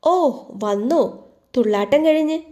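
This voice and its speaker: Lady putting on a sneering mother-in-law, bit high, soft mellow tone. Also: unhurried. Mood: scornful. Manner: sneering, scornful. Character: harsh scolding older mother-in-law.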